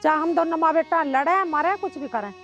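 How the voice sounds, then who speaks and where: An older woman with a Haryanvi accent playing a sharp-tongued, proud village mother who scolds and dismisses others. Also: very high-pitched, fairly quick, muffled recording, soft background music. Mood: defensive. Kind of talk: Haryanvi film acting.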